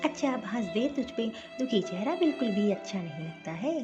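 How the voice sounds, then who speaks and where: A woman voicing a kind middle-aged mother-in-law who gently advises her new daughter-in-law. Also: mid-range voice, very animated, fairly quick, muffled recording, over music, lightly acted. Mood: coaxing.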